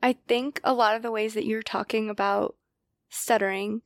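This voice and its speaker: A woman's voice: on the high side, fairly even intonation, moderate pace, no echo, clean studio sound. A woman hosting a podcast interview who talks in a reflective, affirming way and often murmurs agreement. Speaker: podcast host.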